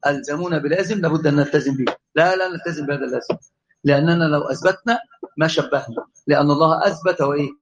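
A man with an Egyptian Arabic accent teaching a lively theology lesson, quizzing his class and calling on students. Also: on the high side, very fast, highs cut off, noisy background. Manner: animated, asks the class questions and calls on students. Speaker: religious teacher.

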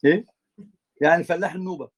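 Brisk and lively, a high-voiced Egyptian sheikh teases his class in the middle of a religious lesson. He speaks with an Egyptian Arabic accent, stays animated, and alternates between colloquial and formal Arabic amid the banter.

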